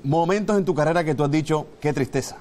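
A man's voice: fairly high pitch, quick pace. A male host asking teasing, joking questions in a casual interview. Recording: loud music playing behind.

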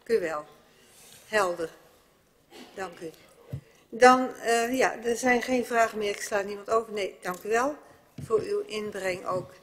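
A man's voice: high voice, a little slow, pauses often, fairly bright tone. Give me a man politely chairing a council debate in a reverberant chamber. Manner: polite, procedural. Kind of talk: chairing a meeting.

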